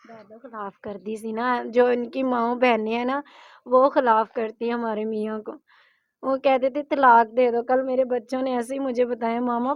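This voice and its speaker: Woman, pleading and distressed, highish voice, muffled dry recording. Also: no echo. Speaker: interviewee, mother. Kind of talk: emotional personal account.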